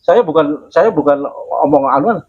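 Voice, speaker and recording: A man telling local stories in a casual, animated way, repeating himself and acting out the voices of the people he quotes. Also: on the high side, moderate pace, slightly rough, lo-fi sound. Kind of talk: casual storytelling.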